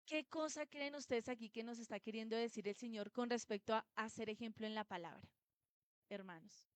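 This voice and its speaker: A high, bright woman's voice, preaching in church. Her tone is clean and crisp, and the sound is dry with almost no room echo. She tells stories and asks the congregation questions as she goes. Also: fairly quick. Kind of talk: sermon.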